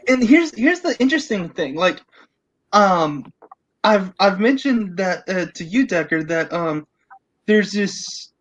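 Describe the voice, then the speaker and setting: High-voiced man hosting, thinking aloud. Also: fairly bright tone, muffled recording. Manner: halting, repeats and rephrases as he thinks aloud. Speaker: podcast host. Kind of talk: casual film discussion.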